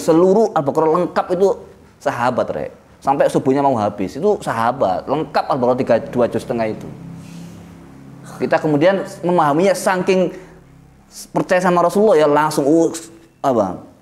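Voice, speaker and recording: A man's voice: a little high, animated, a little fast, a little mellow, slight background noise. A man teaching at an Islamic study session, mixing Arabic recitation with joking explanation. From Indonesia. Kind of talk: religious study lecture.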